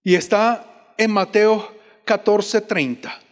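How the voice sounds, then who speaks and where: Male pastor from Colombia, a lifted voice, dramatic pauses, echoing church hall. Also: high voice. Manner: preaching with dramatic pauses and acted-out Bible dialogue. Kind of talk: sermon. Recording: long hall reverb.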